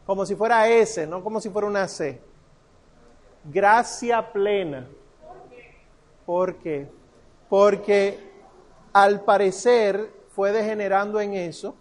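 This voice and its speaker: Male Latin teacher, high pitch, slow and patient explanations. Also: fairly even intonation. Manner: patient, explanatory, drawls the Latin prayer words. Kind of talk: classroom lesson.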